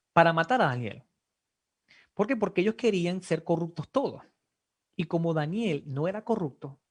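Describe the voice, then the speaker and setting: A preacher delivering a sermon in an animated way, firing rhetorical questions at the congregation and breaking into emphatic exclamations. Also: medium pitch.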